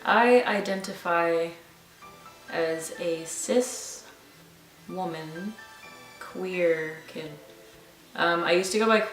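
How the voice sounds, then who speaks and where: A woman in her twenties answering interview questions casually, thoughtful and halting, with frequent ums. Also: on the low side, far from the mic. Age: 20s. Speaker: interview guest. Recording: roomy, off-mic, with music behind.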